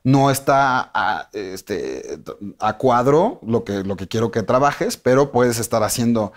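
Un hombre con acento mexicano que cuenta su carrera en una entrevista, con muchas pausas y reinicios. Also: male voice, medium pitch, animated. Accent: Mexican Spanish. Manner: rambling, many restarts and fillers. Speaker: interview guest, TV personality. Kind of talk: casual interview chat.

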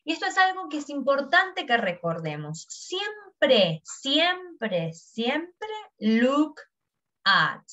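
A bright, animated woman with a Rioplatense Spanish accent runs a recorded beginner English lesson, repeating key phrases slowly and explaining them in Spanish. Her voice sits a little high and swings widely in pitch. The recording sounds dull and lo-fi. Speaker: English teacher.

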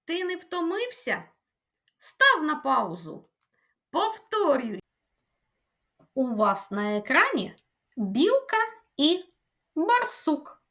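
Woman preschool teacher from Ukraine for a kids' speech lesson: high, lively, sing-song and unhurried. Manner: slow, sing-song teacherly delivery, stretching words.

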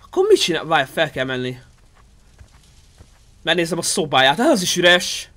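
A man streaming a game live, chatting excitably with his viewers, reacting aloud and thanking supporters. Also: on the high side.

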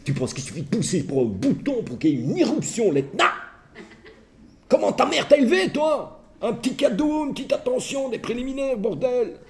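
A man voicing an exasperated, furious wife in a comic sketch, high and shouting. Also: wildly swooping pitch, fast talker, few pauses, slight background noise. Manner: shouting, high-pitched outburst.

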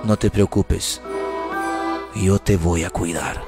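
A tender male friend who soothes in a low, soft voice, as a man narrator puts him on. The tone is gravelly. Music plays beneath. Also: steady tone, takes it slowly, heavily acted. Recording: music playing under the voice.

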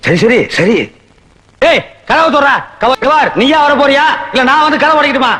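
A man's voice: very high voice, lively intonation, normal speed, exaggerated voice. Blustering henpecked father-in-law. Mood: bullying. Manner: grumbling, shouts and threatens. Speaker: actor playing a rich bearded father-in-law. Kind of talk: film comedy dialogue.

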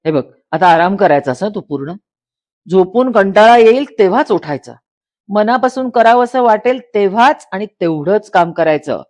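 A woman voicing a short-tempered young husband who turns gentle and coaxing, in a dramatized story reading. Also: medium pitch, animated, moderate pace, natural voice. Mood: tender. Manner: sulky and curt, later gentle and coaxing.

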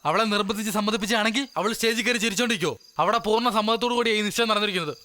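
A man's voice: sits high, rapid-fire, bright, forceful tone, a little hiss or hum. A man dubbing a bossy, scolding friend in a comedy film. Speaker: hero's protective friend.

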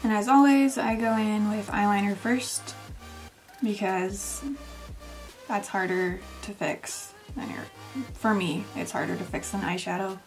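A woman's voice: medium pitch, fairly even intonation, unhurried, soft background music. A young woman narrating a makeup tutorial in a casual, step-by-step way, sometimes dropping to a near whisper. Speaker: makeup vlogger.

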